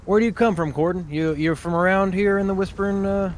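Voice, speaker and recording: A man playing a young, wary adventurer who asks halting, chatty questions in a tabletop game. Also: sits high, steady tone, a little hiss or hum, pitched above the performer's own voice, natural voice. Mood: curious. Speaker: player. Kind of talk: tabletop role-play in character.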